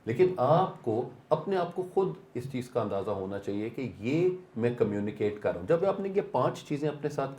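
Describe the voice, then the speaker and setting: This seminar speaker has a warm, mid-range voice that carries through an echoey hall. His motivational talk is in Urdu sprinkled with English phrases, and he keeps asking rhetorical questions.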